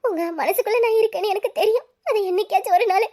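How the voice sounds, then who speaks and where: A woman's voice: very high voice, racing, dark tone. A woman playing a devoted young wife who has just given birth, asking and pleading tearfully in an audio drama.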